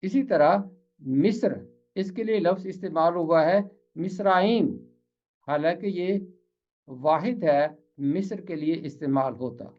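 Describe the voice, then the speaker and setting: A man with an Urdu accent from Pakistan, teaching pronunciation in a slow, explanatory lesson and repeating words carefully to model them. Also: a little high, muffled recording.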